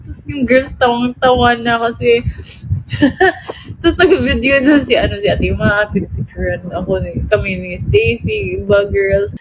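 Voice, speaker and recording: Young woman, Filipino accent, slightly high voice, reflective, laughs between lines. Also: fairly even intonation, a little slow, a little hiss or hum, poor audio. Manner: reflective, mixes English in, laughs. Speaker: pop group member. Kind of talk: casual storytelling.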